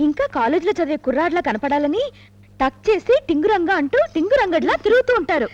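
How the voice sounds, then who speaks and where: An actress playing a playful younger sister who teases quickly in a film scene. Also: female voice, very high-pitched, very animated, no echo, lo-fi sound. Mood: teasing. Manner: teasing, quick. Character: cheeky young sister-in-law, teasing and playful.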